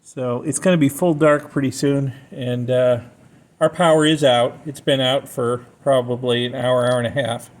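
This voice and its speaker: A man's voice: mid-range voice, fairly even intonation, normal speed. A man casually narrating what he sees around his home, as in a homemade vlog. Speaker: homeowner filming a storm vlog. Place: at a house during and after a storm. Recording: handheld recording with background noise.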